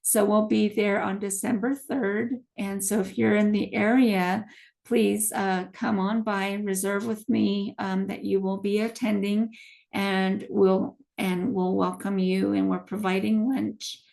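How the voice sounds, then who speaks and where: Woman losing her voice, gravelly. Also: mid-range voice, flat delivery, darkish tone. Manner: halting, many ums, restarts. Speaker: health plan community presenter. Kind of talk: presentation to a community meeting.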